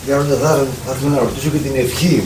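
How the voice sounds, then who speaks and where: A man's voice: mid-range voice, steady tone. A man in the audience asking a priest a question, hesitant and stumbling over his words. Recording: distant echoey room recording with audible hiss.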